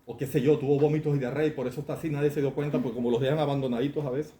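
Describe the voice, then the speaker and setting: The lecturer, a man with a medium-pitched, warm, steady voice, delivers his talk rapid-fire. He covers clinical cases for medical students in a conversational manner, regularly asking them questions, in a lecture hall that sounds echoey with faint room noise.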